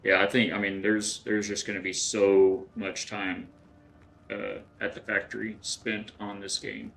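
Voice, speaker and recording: A middle-aged West Texan game streamer keeps up casual chat with his viewers while he plays, meandering and thinking aloud with lots of fillers and restarts. His lowish, level voice is unhurried, gravelly and fairly bright, with faint music in the background.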